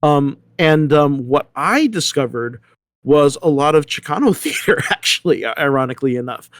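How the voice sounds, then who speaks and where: Recorded with clean studio sound and no room sound, this fairly high-pitched man speaks at a normal speed. He's a middle-aged theater artistic director from San Diego, United States, appearing as an interview guest and telling stories casually in an animated, rambling way full of hesitations and self-corrections.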